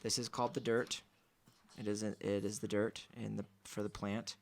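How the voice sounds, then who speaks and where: A young man in casual vlog chat, talking in a goofy, deadpan way as a singer-songwriter between songs. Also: lowish voice, normal speed, gravelly, a little hiss or hum. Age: young adult.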